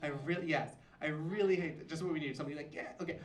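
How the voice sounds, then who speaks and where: A man's voice: on the high side, steady tone, racing. A young man doing a campy, self-mocking stand-up set, with a punchy delivery and audience laughter behind him. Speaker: stand-up comedian. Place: comedy club. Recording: roomy club sound from far off.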